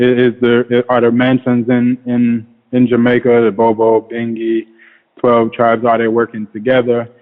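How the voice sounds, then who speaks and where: A man's voice: mid-range voice, narrow, tinny audio. A man interviewing in a conversational, hesitant and informal way, using Rasta speech. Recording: band-limited radio-like sound with long reverb.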